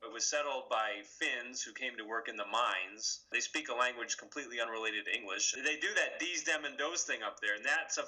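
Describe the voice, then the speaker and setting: Bright-voiced man explaining speech. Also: medium pitch, brisk, few pauses, rough recording. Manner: relaxed and conversational, with fillers. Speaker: author interviewed on regional speech. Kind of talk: explanatory interview talk.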